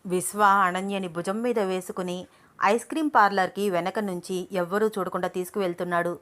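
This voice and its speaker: A woman narrating a love story as a storyteller, with expressive, scripted delivery. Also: on the low side, fairly quick.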